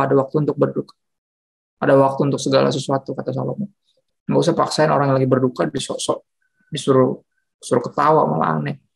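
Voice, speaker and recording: A male pastor gives a loose, joking sermon in a church. His voice is gravelly and a little husky. He tells stories in an animated, chatty way. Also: mid-range voice. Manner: slangy, joking, animated storytelling. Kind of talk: casual sermon.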